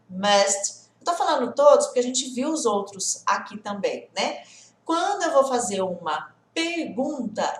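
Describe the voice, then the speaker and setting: A woman teaching an English lesson on a live stream, lively, often checking in with the viewers and greeting them by name. She is a native Portuguese speaker. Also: on the high side, echoey room.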